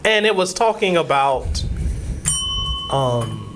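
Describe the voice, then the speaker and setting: A man's voice: on the high side, very animated, takes it slowly, fairly bright tone, a little hiss or hum. A man co-hosting a casual podcast chat, rambling and often restarting his sentences. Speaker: co-host.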